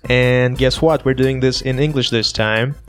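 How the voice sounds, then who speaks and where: A man's voice: mid-range voice, steady tone, normal speed, soft background music. A man in his twenties from Kazakhstan with a Russian accent, hosting a casual solo podcast on a laptop, talking in a hesitant, self-conscious way with many restarts. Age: 20s. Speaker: podcast host.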